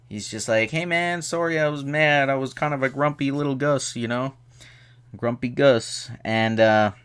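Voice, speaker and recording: Lively, rambling young man reviewing a movie. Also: medium pitch. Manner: rambling, sarcastic, full of fillers. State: tired. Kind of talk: casual spoken movie review.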